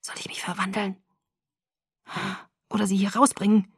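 A woman voicing a tense young man who speaks in gruff, clipped and hissed lines. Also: fairly low pitch, animated, measured pace, darkish tone, no room sound, studio quality, exaggerated voice.

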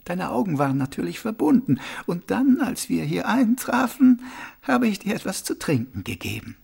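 Man doing an old monk sweeper, high gravelly voice, slow and soothing, wry, audiobook character. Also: big pitch swings, heavily acted. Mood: calm, amused. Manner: slow, gently amused, soothing.

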